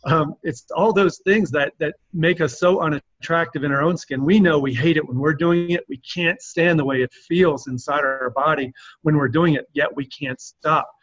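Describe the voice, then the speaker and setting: An earnest, animated man coaching men in a relaxed podcast chat. His voice sits a little high for a man, and the recording sounds dull and lo-fi. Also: normal speed. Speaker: men's coach. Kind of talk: casual podcast conversation.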